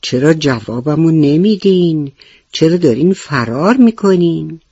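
A woman's voice: low-pitched, animated, mellow, slightly rough, dry recording, highs cut off, exaggerated voice. A woman voicing a big commanding lion who questions the other animals sternly.

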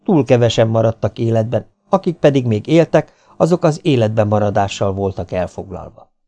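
A man reading an audiobook in a steady, measured narration. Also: on the low side.

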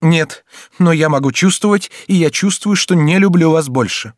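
A man's voice: mid-range voice, brisk, no echo, studio quality, pitched above the performer's own voice, lightly acted. A man reading an audiobook, voicing an earnest, devoted young boy. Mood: indignant. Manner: earnest, pleading.

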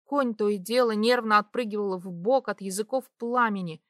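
A young woman reading a first-person fantasy audiobook in a brisk, vivid storytelling manner. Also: mid-range voice, no room sound, clean studio sound. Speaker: narrator.

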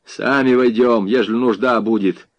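A man voicing a domineering Cossack sergeant who talks in a deep, commanding, threatening way. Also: steady tone, moderate pace, no echo, lightly acted.

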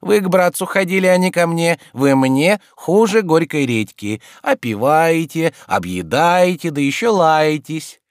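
A man's voice: a little high, lively intonation, unhurried, few pauses, no room sound, voice pushed up. A fed-up landlady, as a male reader puts her on, scolds bluntly in a raised, lilting voice. The reading is dry and close to the mic. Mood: scolding. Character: plain-spoken middle-aged landlady, fed up.

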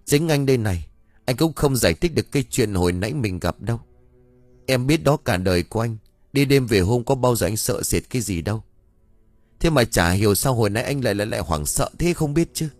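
A man's voice: medium pitch, lively intonation, a little fast, dry recording, lightly acted. Man doing a shaken village husband. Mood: uneasy. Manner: uneasy, bewildered, hesitant.

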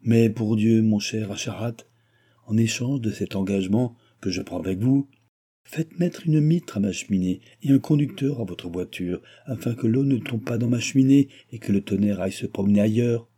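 A man voicing a frail, feverish old alchemist who pleads and cries out in high, agitated bursts. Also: moderate pace, dark tone, slightly rough. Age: older.

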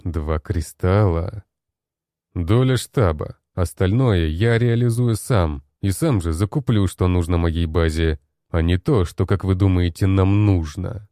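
A man voicing an older male base commander who shouts, swears and rages at his superiors. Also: deep voice, a little slow, dry recording, studio quality. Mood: stern.

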